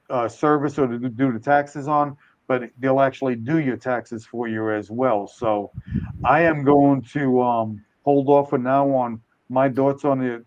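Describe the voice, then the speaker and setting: An older American man hosts a casual live stream in a medium-pitched, slightly mellow voice, rambling, hedging and correcting himself. The recording is dull and dry, with no room sound.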